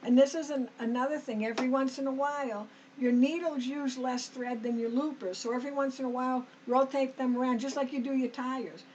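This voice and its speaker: A woman with a slightly high voice leads a relaxed sewing lesson, talking to her viewers as if they sew alongside her. Her throat is a little dry. The recording sounds a bit dull, with faint room noise behind her. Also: brisk, few pauses. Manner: homey, talks to viewers as "us", frequent okays and restarts. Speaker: sewing tutorial host. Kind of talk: chatty step-by-step sewing demonstration.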